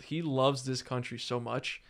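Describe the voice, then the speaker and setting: A man from Naples, Florida, hosting a casual podcast chat, relaxed and halting with many fillers. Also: mid-range voice, creaky. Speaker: podcast host.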